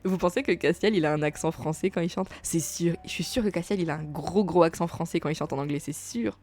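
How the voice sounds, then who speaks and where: A woman's voice: fairly low pitch, fairly quick, a little mellow, soft background music. A woman doing casual let's play commentary on a story game, chatty and gushing, with many fillers, reading text aloud.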